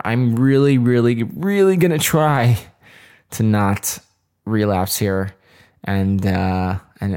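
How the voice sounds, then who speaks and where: A man's voice: lowish voice, darkish tone. A man hosting his own podcast, talking to listeners in a casual, earnest, rambling way with plenty of fillers and restarts. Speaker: podcast host. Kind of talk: casual solo podcast monologue.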